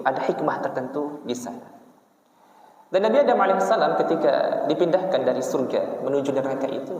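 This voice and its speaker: A male preacher delivers a storytelling sermon in a mosque hall, often turning to address his listeners directly. His voice sits in a mid range and carries a long, booming reverb. He sounds distant from the microphone, and the recording is dull and muffled. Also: darkish tone. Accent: Indonesian. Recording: echoey hall from far off, muffled.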